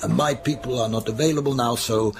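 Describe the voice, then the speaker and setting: An actor playing a sinister vampire count in a gothic audio drama, formal, deliberate and grandly hospitable. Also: male voice, mid-range voice, fairly even intonation, creaky, noisy background, natural voice. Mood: grandly welcoming. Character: courtly sinister male vampire count, host in his castle. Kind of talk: gothic radio drama acting.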